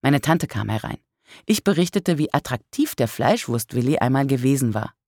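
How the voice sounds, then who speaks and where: A narrator reading a first-person book aloud in a calm, measured way with dry humor. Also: medium pitch, no echo. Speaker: audiobook narrator. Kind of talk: scripted audiobook narration.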